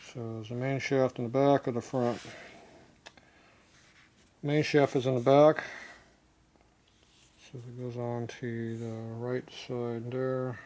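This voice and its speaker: A man's voice: medium pitch, darkish tone. A man working on a transmission in a workshop, thinking aloud in a matter-of-fact, muttering way. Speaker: mechanic.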